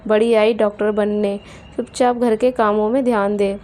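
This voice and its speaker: A woman's voice: mid-range voice, flat delivery, moderate pace, mellow, lightly acted. A woman voicing a harsh, taunting older mother-in-law in a storybook tale. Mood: scolding. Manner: scolding, taunting. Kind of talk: storybook character voice.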